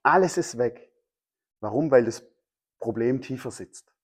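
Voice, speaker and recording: A man's voice: mid-range voice, expressive, a little slow, husky. A man preaching a sermon, emphatic and fond of repeating his key phrases. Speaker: pastor.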